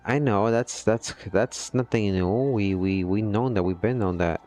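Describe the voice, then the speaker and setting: With faint music playing behind him, a man streaming games talks casually and earnestly to his viewers, meandering and often asking "you know what I mean." His voice is fairly low with a darkish tone, and he speaks a little slowly.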